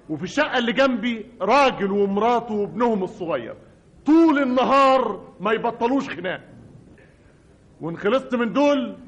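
A man's voice: very high voice, a bit bright. A man with an Egyptian accent narrating a radio comedy monologue as a frustrated writer, in a mock-formal, exasperated manner. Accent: Egyptian Arabic.

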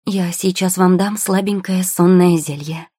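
A woman's voice: fairly low pitch, steady tone, a little slow, mellow, breathy edge, no room sound, studio quality. A woman reading a storybook who voices a patient young potion-maker girl, soothing and practical.

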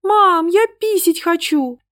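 Storybook figure: small capricious girl, high childish whine, read by a woman, dry close sound. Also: takes it slowly, a bit bright, no room sound, exaggerated voice. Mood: whiny. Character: young girl, capricious little daughter.

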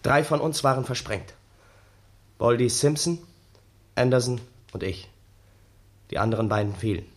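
A fairly low-pitched, gravelly and husky voice belongs to an actor in a 1960s German radio play. He plays a young ex-soldier, haunted and bitter, recounting his story with weary drama.

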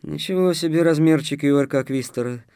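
A man's voice: fairly high pitch, fairly quick, vocal fry, warm tone, clean tone, no room sound. Dry, close male audiobook narrator. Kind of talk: scripted narration.

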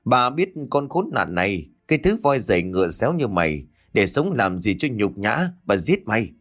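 Man playing a furious old matriarch, cursing tirade, wildly swinging pitch, audio story. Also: big pitch swings, moderate pace, a bit bright.

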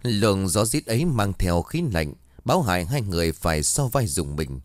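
A man with a low voice reading a ghost story aloud, his intonation rising and falling vividly. The sound is dry and close, with no room echo. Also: big pitch swings, moderate pace.

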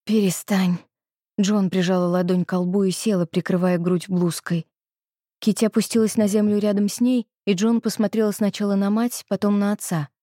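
Woman narrating an audiobook, dark voice. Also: mid-range voice, little pitch movement, brisk, no room sound, studio quality. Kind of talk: scripted narration.

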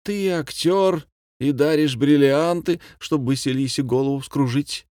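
A man's voice: mid-range voice, big pitch swings, normal speed, darkish tone, no room sound, studio quality, voice pushed up. A man voicing a boastful, pompous middle-aged male former theatre director who talks in grand, theatrical phrases, as a commandant in an audiobook. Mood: scheming. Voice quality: grandiloquent, theatrical, rhyming speech.

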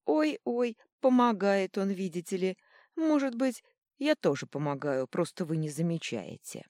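A woman's voice: on the low side, big pitch swings, moderate pace, mellow, dry recording, studio quality, pitched above the performer's own voice. A woman doing a smug, teasing chaos godling. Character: mischievous invisible male chaos godling.

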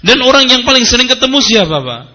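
A man preaching an Islamic study lecture, animated and joking, jumping up high in pitch and acting out complaints. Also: fast. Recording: live audio of a study session.

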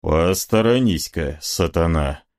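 A man's voice: deep voice, lively intonation, takes it slowly, darkish tone, full character voice. A man voicing a tall, broad-shouldered Cossack captain who speaks curtly and commandingly. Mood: stern.

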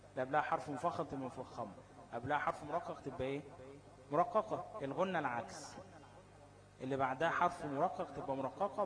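Over a rough recording, a man with a mid-range voice and an Egyptian Arabic accent explains recitation rules to a class. Questions go out to the students, he answers them himself, and a steady stream of "okay?" checks that everyone is keeping pace.

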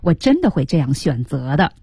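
A woman teaching English on a radio lesson, with a mellow, warm tone and a pitch that moves a lot. She breaks down song lines and hums the tune between explanations. The studio sound is close and dry. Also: very animated, fairly quick, husky, no echo. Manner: explains lyrics, hums and sings the melody in snippets.

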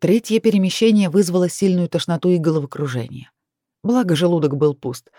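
A woman reading a fantasy audiobook in a measured, even first-person narration. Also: fairly low pitch, no room sound, clean studio sound. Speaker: audiobook reader.

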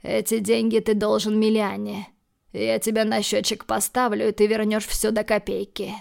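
A woman voicing a cold, menacing male hero who threatens calmly in low, clipped lines, for an audiobook. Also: moderate pace, vocal fry. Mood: threatening.

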